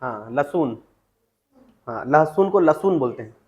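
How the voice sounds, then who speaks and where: A man's voice: a little high, lively intonation, a little slow, a little mellow. A male teacher giving a classroom lecture, dictating words, repeating them and asking the class questions. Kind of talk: classroom lecture on Chhattisgarhi vocabulary.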